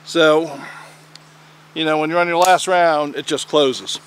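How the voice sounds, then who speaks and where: A man with a bright, somewhat high voice recounts history in a folksy, animated storytelling style. He talks like a video host walking viewers through a tale, over a faint hum of noise behind him. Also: unhurried. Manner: animated storyteller, with dramatic shouted quotes.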